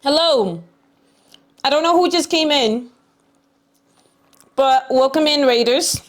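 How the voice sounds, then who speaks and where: A woman's voice: high-pitched, measured pace. A woman livestreamer chatting casually with her viewers in a cute, bubbly anime-streamer way, often repeating herself.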